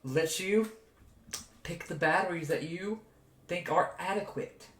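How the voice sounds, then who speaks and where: A man's voice: fairly high pitch, a little slow, a bit bright. A man as game master, casually narrating what happens to the players in a tabletop game. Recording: echoey room with faint noise.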